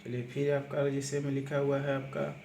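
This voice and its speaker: A man's voice: mid-range voice, level tone, normal speed, warm tone. A man teaching a shorthand lesson, explaining step by step, repeating himself often and spelling words out letter by letter. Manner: repetitive, step-by-step explaining, keeps saying "aapka". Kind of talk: spoken lesson walking through examples. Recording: echoey room with clear background noise.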